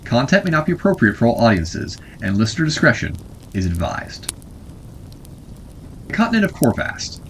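Lively-voiced man announcing a show. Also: mid-range voice, moderate pace, pauses often, slight background noise, poor audio. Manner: welcoming, announcing. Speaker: show host. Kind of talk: scripted podcast introduction.

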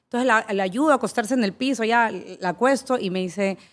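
Animated woman telling spa stories. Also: a little high, a little fast. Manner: animated storyteller who acts out quoted voices. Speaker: aesthetician at a spa. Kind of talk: casual chat, telling anecdotes.

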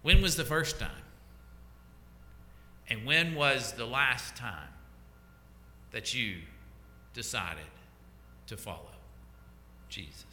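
A man preaching a sermon as pastor, slow and deliberate, letting his voice fall to a hush at the ends of phrases. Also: mid-range voice, lively intonation, slight background noise. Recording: echoey church hall.

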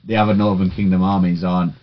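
A man co-hosting a podcast, chatting in a relaxed way and thinking aloud. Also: low-pitched, fast talker, dull audio. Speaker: podcast co-host. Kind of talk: casual chat about games.

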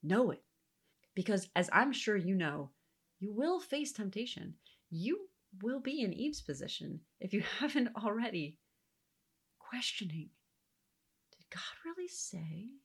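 A woman giving earnest, reflective Bible teaching, sometimes dropping into soft whispered asides. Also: medium pitch, very animated, measured pace, husky.

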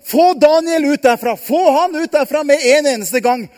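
A man doing King Darius proclaiming loudly. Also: very high voice, voice pushed up. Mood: joyful. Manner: loud, stately proclaiming. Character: proud ancient male king, overjoyed, proclaiming. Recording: long hall reverb.

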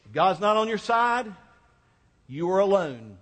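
A man's voice: high voice, very animated, a little slow, fairly bright tone. A man delivering a sermon to a congregation in a colloquial, conversational way, repeating phrases for emphasis. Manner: emphatic repetition for effect. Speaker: preacher. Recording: echoing hall, long reverb.

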